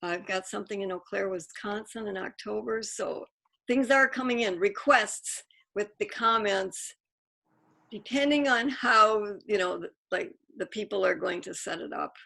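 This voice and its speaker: A woman's voice: mid-range voice, measured pace, gravelly, sharp tone. A middle-aged woman author on a video call, talking in a chatty, self-interrupting way. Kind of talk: casual Zoom Q&A.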